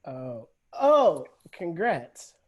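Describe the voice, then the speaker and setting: A woman reading the part of a laid-back young man in an informal play read-through over a video call, with a dry, deadpan delivery. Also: low-pitched, drawn-out words, full character voice. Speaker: play reader.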